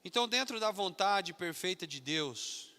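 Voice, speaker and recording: Bright high-voiced preacher in a reverberant hall. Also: male voice, unhurried. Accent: Brazilian Portuguese, São Paulo. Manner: animated, mimics mocking voices, loud emphatic bursts. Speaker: pastor. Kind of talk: sermon. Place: church hall. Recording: long church hall reverb.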